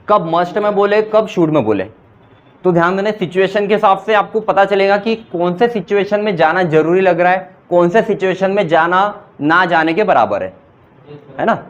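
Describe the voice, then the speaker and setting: A man's voice: sits high, lively intonation, normal speed, muffled recording. A man teaching an English grammar class, mixing Hindi explanations with English example sentences and quizzing his students as he goes.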